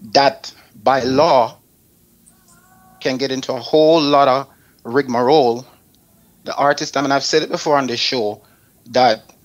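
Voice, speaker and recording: Over dull audio, a Jamaican-accented man with a mid-range voice hosts a talk show. He offers artists opinionated advice in radio-style talk, blunt and emphatic, repeating points until they stick.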